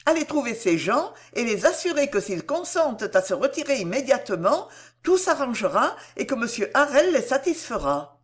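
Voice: medium pitch, big pitch swings, normal speed, pitched above the performer's own voice, natural voice. A reader voicing an earnest, pleading young woman. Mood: urging. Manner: pleading, emphatic. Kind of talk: audiobook reading.

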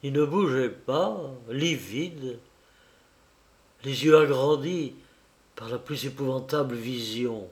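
Guy narrating an audiobook, really slow, even delivery. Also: mid-range voice. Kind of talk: audiobook reading of a novel.

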